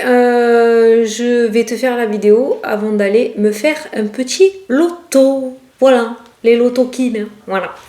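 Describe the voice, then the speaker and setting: A woman doing a casual, rambling tarot reading who laughs often and speaks with a regional French accent. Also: sits high. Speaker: tarot card reader. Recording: echoey room.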